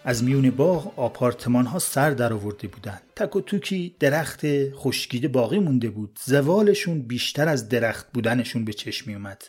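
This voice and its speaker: Husky-voiced male storyteller. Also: medium pitch, lively intonation, hardly any pauses, darkish tone, faint music behind. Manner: conversational, colloquial storyteller. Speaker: podcast host and narrator. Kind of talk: casual storytelling narration.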